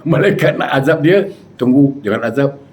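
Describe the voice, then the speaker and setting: A man preaching with animated, jokey storytelling. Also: mid-range voice, moderate pace, a little hiss or hum. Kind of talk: humorous storytelling sermon.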